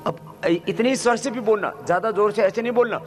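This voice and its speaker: A man leading a youth camp as a yoga teacher, chanting slowly and correcting the crowd's pronunciation with humorous questions. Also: high-pitched, music in the background. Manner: slow, drawn-out chanting with corrective explanations.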